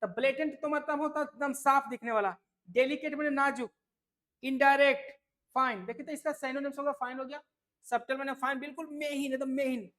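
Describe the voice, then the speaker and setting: A man's voice: extremely high pitch, steady tone, fairly quick, a bit bright. A man teaching English vocabulary for an exam in a chatty, casual way, often checking in with listeners. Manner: chatty, repeats "है ना?" and "ठीक है" to check in. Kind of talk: casual tutoring lesson.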